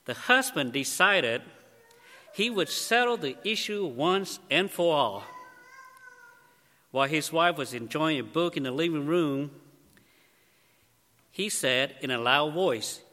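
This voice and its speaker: A pastor giving a sermon in a slow, deliberate manner, with solemn drops in volume. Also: male voice, on the high side, pushed and bright. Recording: long hall reverb.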